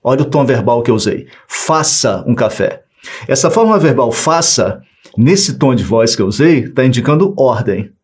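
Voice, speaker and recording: A man's voice: mid-range voice, big pitch swings, moderate pace, a little mellow. A Brazilian man teaching Portuguese grammar in an exam-prep video lesson, joking and acting out example phrases.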